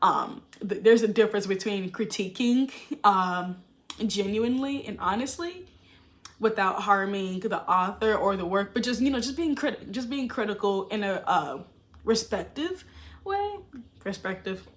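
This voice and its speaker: A woman's voice: medium pitch, lively intonation, a little slow. A young adult woman talking casually to camera about books, chatty and emphatic, with fillers and laughs. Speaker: book vlogger.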